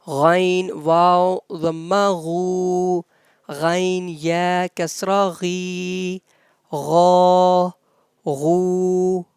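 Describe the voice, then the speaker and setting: A Quran teacher leading a slow recitation lesson, spelling letters and drawing out each long vowel in careful drills. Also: medium pitch, smooth, no echo, clean studio sound. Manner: drawn-out, careful drilling of syllables.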